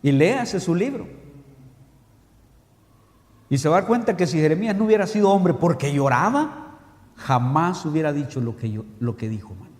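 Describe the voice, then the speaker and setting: A man delivers an animated sermon, throwing rhetorical questions at his congregation. His voice sits high for a man. The sound rings with the long reverb of a church hall. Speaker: pastor.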